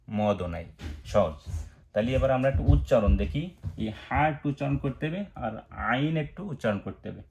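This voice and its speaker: A man with a Bangladeshi Bengali accent teaching Quran recitation step by step, spelling out letters and marks, then chanting each word slowly. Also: mid-range voice, creaky, a little mellow. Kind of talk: slow step-by-step recitation lesson.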